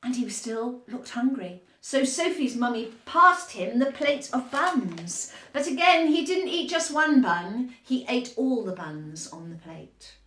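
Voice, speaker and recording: A woman with a slightly high voice reads picture books aloud to young children in an animated storytime style, stopping to explain and to ask encouraging questions. The sound is reverberant.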